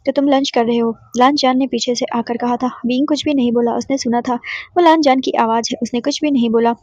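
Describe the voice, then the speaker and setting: A woman's voice: on the high side, steady tone, brisk, darkish tone, no room sound. A woman retelling a fan fiction story in a conversational way, often restarting her sentences. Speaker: story narrator. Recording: dull, dry lo-fi voice recording.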